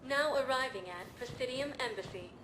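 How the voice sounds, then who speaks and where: A woman voicing a calm female ship computer that makes polite, even, clipped announcements in a game. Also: sits high, moderate pace. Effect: calm automated announcement voice. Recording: echoey with background hum.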